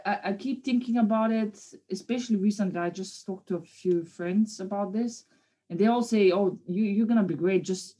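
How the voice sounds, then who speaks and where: A woman's voice: mid-range voice, mellow, husky. A woman in her thirties from Bulgaria, talking casually about her art in an interview, hesitant, with many fillers and restarts. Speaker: guest artist.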